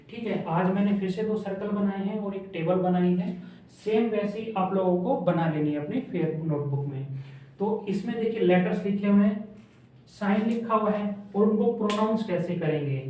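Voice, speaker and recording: A man's voice: sits high, mellow. A man teaching a shorthand class, repeating letters and quizzing his students as he draws strokes. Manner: repeats drills and asks the class questions. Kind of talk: classroom lesson at a board. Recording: echoey room, distant phone-like mic.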